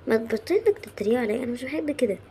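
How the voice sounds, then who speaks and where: A woman's voice: on the high side, lively intonation, racing, mellow, a little hiss or hum, natural voice. A woman voicing a mean schoolgirl bully who taunts in a sneering way. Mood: taunting.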